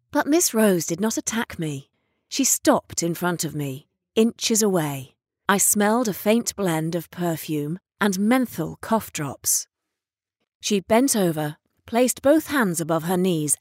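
A woman's voice: fairly low pitch, expressive, slow, no room sound, clean studio sound. A middle-aged woman, a music therapist, narrating a personal story in an earnest, reflective way.

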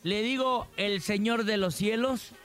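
A man's voice: sits high, measured pace, fairly bright tone, soft background music. A man co-hosting a radio show, joking and reading out phone numbers. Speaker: radio co-host. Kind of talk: radio banter.

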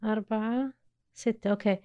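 Woman host, short soft replies, casual interview chat. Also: on the high side, fairly even intonation, brisk, smooth, dull audio.

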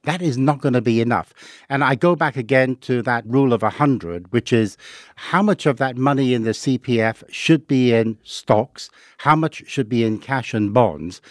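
A middle-aged man from Hong Kong talks on a podcast, laying out sums step by step in a patient, teacherly way. His pitch sits in an ordinary middle range. The recording is dry and close, with no room sound. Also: moderate pace, no echo. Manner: patient, explains step by step with worked examples. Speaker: investing guest. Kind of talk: podcast interview.

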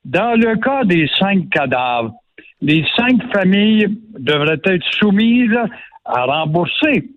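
A man with a Quebec French accent delivers sarcastic, indignant commentary on an opinionated radio show, heard over phone-line radio audio. His voice sits high and sing-song, he takes it slowly, and there is no room sound.

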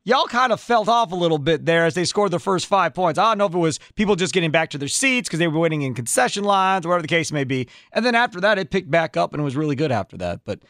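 A man's voice: a little high, very animated, fast, hardly any pauses, a bit bright, dry recording, clean studio sound. A man hosting a live postgame sports call-in radio show, chatty and emphatic, repeating phrases.

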